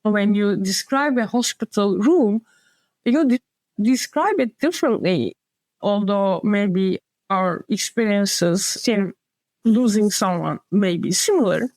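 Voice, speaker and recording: A Turkish woman, a designer and publisher, is a guest in a casual interview, speaking with a Turkish accent in a mid-range, expressive voice with a darkish tone. She talks slowly and hesitantly, circling back to her point, and there's no echo.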